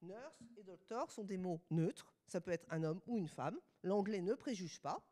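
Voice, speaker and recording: A woman's voice: mid-range voice, animated, moderate pace, mellow. A middle-aged woman from France with a French accent, giving a conference lecture with ironic asides.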